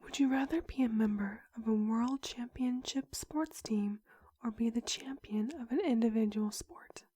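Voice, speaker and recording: Whispering young woman, breathy and mellow. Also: on the high side, no room sound. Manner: soft whisper throughout, slow questioning with pauses. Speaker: ASMR creator. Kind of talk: whispered ASMR roleplay as a clinic counselor.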